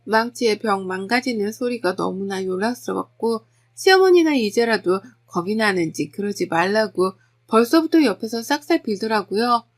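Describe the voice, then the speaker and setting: Female narrator, scripted first-person story, steady polite delivery, mid-range voice. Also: medium pitch, moderate pace, hardly any pauses.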